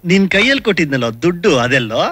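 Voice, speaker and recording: An actor playing an exasperated man who scolds and questions a bumbling helper in an expressive way, in a film comedy scene. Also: high voice, racing, slightly rough, no room sound, heavily acted. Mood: angry. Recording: film soundtrack with faint music.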